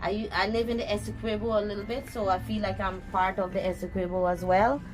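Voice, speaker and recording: A cooking vlogger from Guyana, with a Guyanese accent, casually demonstrates a recipe in her backyard while chatting to viewers and pets. Her mid-range voice holds a level tone and moves fairly quickly, with background noise audible in the clip.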